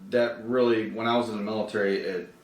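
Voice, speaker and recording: Deep-voiced man, laid-back and rambling. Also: flat delivery, quick pace. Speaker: podcast guest, actor. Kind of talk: casual interview chat. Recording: roomy, distant mic with faint hiss.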